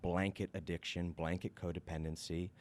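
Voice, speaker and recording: A man from England speaks in a very deep, level voice. He talks as a theater director in a casual interview, pausing and restarting as he works his thoughts out. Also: little pitch movement, a little mellow. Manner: halting, with many restarts.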